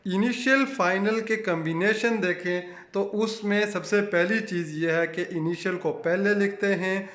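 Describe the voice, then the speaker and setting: A man with a Pakistani Urdu accent narrating a language lesson in a measured, explanatory way. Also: high voice, fairly even intonation, a bit bright, reverberant. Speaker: language teacher.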